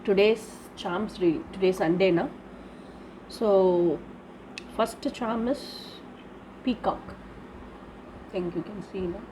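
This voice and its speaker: In a warm, mid-range voice, an Indian-accented woman takes her time and pauses often, sounding congested and slightly wheezy from a cold and sore throat. She's a charms card reader giving a casual, instructive spiritual reading, repeating phrases and adding "na." The recording is rough, with slight background noise.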